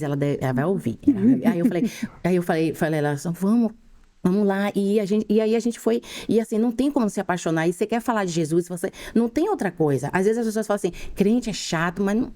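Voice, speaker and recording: A middle-aged Brazilian woman telling her faith testimony as a podcast guest, in fervent, rushed storytelling. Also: medium pitch, dark tone. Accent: Brazilian Portuguese.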